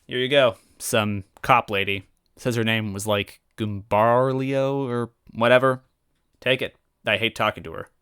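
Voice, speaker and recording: A man's voice: medium pitch, fairly even intonation, measured pace, a bit bright, smooth, dry recording, lightly acted. Man putting on a bored, dismissive young princess, dry audiobook read. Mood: sulky. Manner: grumbling, dismissive.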